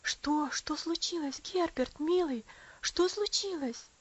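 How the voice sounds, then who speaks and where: A woman's voice: sits high, lively intonation, normal speed. A woman voicing a tender, concerned mother in an audiobook story. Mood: alarmed. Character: gentle worried mother. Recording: dull lo-fi audio.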